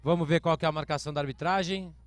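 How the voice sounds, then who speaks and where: Brazilian male sports commentator, high voice, clipped explanatory announcer phrasing, dry recording, live American football coverage. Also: fairly even intonation, very fast, dry recording.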